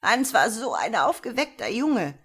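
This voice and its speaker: A woman voicing a frail, very old lady who speaks high and almost shouts, with a quavering edge. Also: sing-song, normal speed. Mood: shouting fond.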